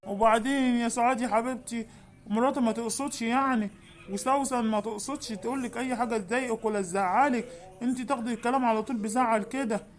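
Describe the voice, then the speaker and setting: A woman's voice: on the high side, fairly even intonation, fast, voice pushed down, lightly acted. A woman voicing a grown husband who keeps the peace, soothing and reasoning with an Egyptian accent. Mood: placating. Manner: soothing, reasoning, calls people darling. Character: husband Hussein, grown man, placating peacemaker.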